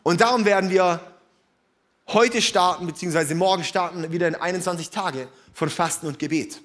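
A man's voice: high voice, normal speed, fairly bright tone. A male preacher giving a sermon in a casual, emphatic way, often breaking in with informal asides.

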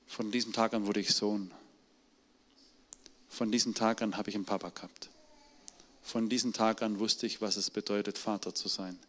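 A middle-aged man preaching a sermon, telling his testimony with strong emphasis, his voice swinging from loud to hushed. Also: fairly low pitch. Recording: long hall reverb.

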